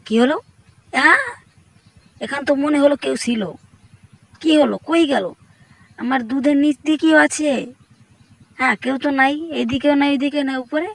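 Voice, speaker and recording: Someone doing a loud, suspicious cartoon cat. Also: high voice, steady tone, brisk, vocal fry, pauses often, pitched above the performer's own voice. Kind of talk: comic fan dub of a cartoon.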